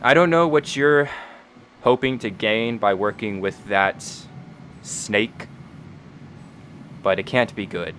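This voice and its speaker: A guarded man with a low voice, acted by a game master. He is measured, suspicious and disapproving, in a tabletop game with music behind. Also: a bit bright, a little hiss or hum.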